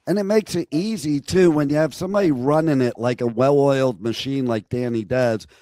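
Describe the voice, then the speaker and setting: Male radio host, hoarse and worn-out voice, casual interview chat, close dry sound. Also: mid-range voice, a little fast, warm tone, no room sound. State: hoarse, lost voice.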